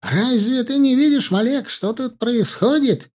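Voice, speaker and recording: A man's voice: medium pitch, big pitch swings, normal speed, mellow, husky. A man voicing a hot-tempered young male warrior who snarls threats. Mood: scornful.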